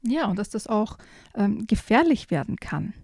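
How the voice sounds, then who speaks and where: A woman's voice: medium pitch, very animated, moderate pace, creaky, no echo, studio quality. Enthusiastic woman reviewing children's books. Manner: warmly enthusiastic, reads aloud. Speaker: book reviewer co-host. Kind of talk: casual book review chat.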